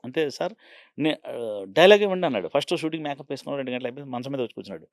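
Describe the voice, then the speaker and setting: A middle-aged film art director tells stories from the set in an animated interview for a Telugu film channel. His mid-range voice moves very fast, recorded in a clean studio with no room sound, and he acts out the lines he quotes, sometimes slipping into Tamil impressions.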